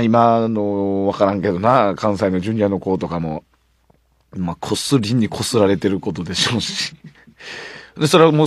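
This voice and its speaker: A man in his thirties with a Kansai accent, hosting a radio show and chatting casually, telling stories with lively quoted voices. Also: on the low side, no echo, clean studio sound. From Kansai, Japan. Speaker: radio host. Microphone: studio mic.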